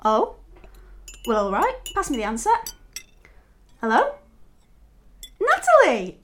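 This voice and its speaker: A woman's voice: high voice, huge pitch swings, slow pace, slight background noise, exaggerated voice. A British woman playing a homesick, tender mother working far from her family in an audio drama. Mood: chatty, affectionate.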